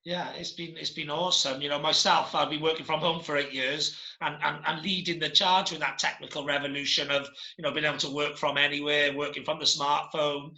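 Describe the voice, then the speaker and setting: Man, middle-aged, podcast host, rambling and chatty, bright forceful voice, roomy echo. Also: fairly high pitch, level tone, a little fast, gravelly, hardly any pauses. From Wales. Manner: chatty, rambling with many restarts. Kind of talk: casual interview chat. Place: home office. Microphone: video call.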